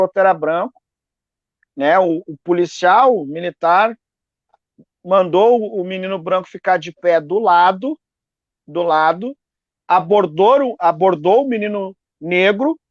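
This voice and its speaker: A high-voiced man, an activist, joins a live video interview from his home in a neighbourhood, speaking earnestly at a measured pace. He often repeats words and tags on "né?". The dry video-call audio sounds dull and lo-fi.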